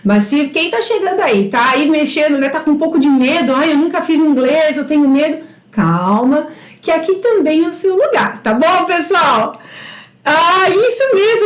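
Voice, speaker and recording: A Brazilian woman with a high voice gives a live English lesson. She encourages her class and says each English phrase slowly, more than once. Her voice echoes around the room. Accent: Brazilian Portuguese. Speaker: English teacher.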